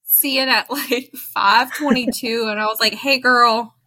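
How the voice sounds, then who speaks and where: A woman's voice: fairly high pitch, steady tone, measured pace, sharp tone. A woman in her thirties co-hosting a podcast, chatting casually and animatedly with lots of "like" and frequent giggles. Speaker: podcast co-host. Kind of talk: casual chat.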